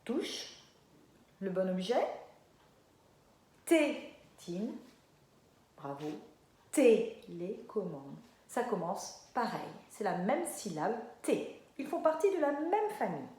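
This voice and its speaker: Slow, patient woman teaching small children. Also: mid-range voice, sing-song, dark tone, reverberant. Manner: slow, drawn-out syllables, encouraging. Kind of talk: lesson for young children.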